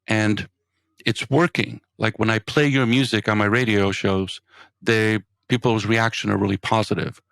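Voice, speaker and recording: A man with a creaky, fairly low voice puts thoughtful questions as an interviewer. He pauses often to search for words, and the sound is close and dry. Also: steady tone, fairly bright tone, no echo. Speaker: radio host, interviewer.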